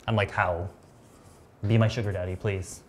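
A man's voice: low-pitched, steady tone, moderate pace, darkish tone, slight background noise. A man in his thirties, a makeup artist hosting a beauty livestream, chatting and teasing casually in a studio. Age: 30s. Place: bright studio set.

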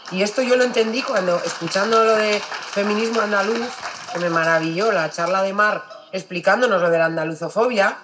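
Outspoken woman panelist, Basque accent, emphatic delivery. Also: fairly low pitch. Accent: Basque Spanish. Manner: emphatic, blunt, casually profane. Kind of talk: panel discussion.

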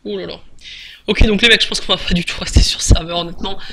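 Man, gameplay commentary, casual and hesitant, high-pitched, bright tone. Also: steady tone, fast, creaky, slight background noise. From France. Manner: chatty, hesitant, many fillers and restarts. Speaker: gaming YouTuber.

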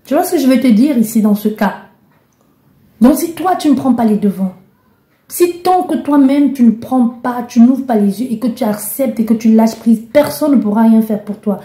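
A woman's voice: on the high side, expressive, normal speed, dark tone. Impassioned woman reading tarot cards, echoey room. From Belgium. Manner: impassioned, addresses the listener directly, many restarts. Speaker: tarot card reader. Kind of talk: spoken card-reading guidance.

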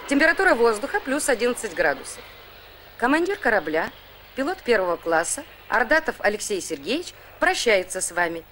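Brisk flight attendant on the cabin loudspeaker. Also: female voice, fairly high pitch, sing-song, a little hiss or hum. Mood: formal. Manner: brisk, formal, rehearsed announcement delivery. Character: female flight attendant making a landing announcement. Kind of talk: 1980s film acting.

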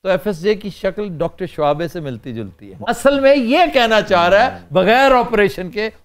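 A man on a comedy talk show panel who recites poetry slowly and trades banter, on a lapel mic in a TV studio. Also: high voice, expressive. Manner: slow measured poetry recitation. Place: TV studio set.

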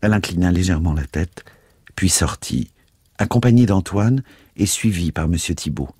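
A man narrates a classic novel with theatrical expression. His voice is very low and husky, recorded close and dry. Faint music runs underneath. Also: normal speed, dark tone, dry recording. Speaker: reader, radio host. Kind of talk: dramatic literary reading.

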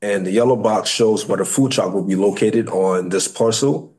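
An American man in his thirties with a fairly low voice presents a project formally at a public meeting. He speaks as a city planner, haltingly, repeating and correcting words as he goes. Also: darkish tone, poor audio. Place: indoor meeting room at a table.

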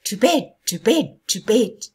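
A woman's voice: a little high, very animated, slow pace, slightly rough, voice pushed up, exaggerated voice. A woman doing a shrieking angry wind. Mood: furious. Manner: shrieking, loud. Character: furious male wind, howling and shrieking.

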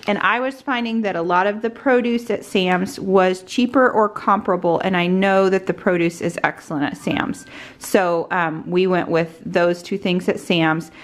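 A middle-pitched woman in her forties talks through a grocery haul in a relaxed, chatty way, pausing on fillers as she lists items and prices. She speaks into a handheld camera held at arm's length in a home kitchen. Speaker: family vlogger.

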